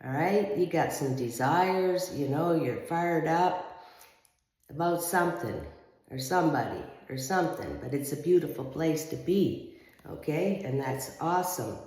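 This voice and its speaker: A woman's voice: low voice, expressive, a little slow, darkish tone. A woman giving a chatty, encouraging tarot reading in an empty room that echoes heavily. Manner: chatty, encouraging, repeats herself. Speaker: tarot reader.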